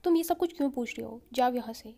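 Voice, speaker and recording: A woman's voice: a little high, fast, vocal fry, dark tone. A woman voicing a sulky, hot-tempered young man who talks in pouting, snappish retorts.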